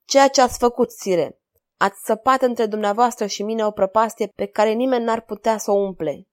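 A woman's voice: steady tone, close to an everyday voice. A woman voicing a frightened, defiant young duchess. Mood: firm dignified. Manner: high, urgent, pleading.

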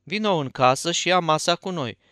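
Un bărbat care dă glas unui fermier bătrân, blând și ospitalitos, predicator la țară. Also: male voice, on the high side, animated, bright, forceful tone, clear, resonant tone, no room sound, studio quality, pitched above the performer's own voice. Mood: welcoming. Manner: hospitable, homely. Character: kindly, innocent old male farmer-preacher.

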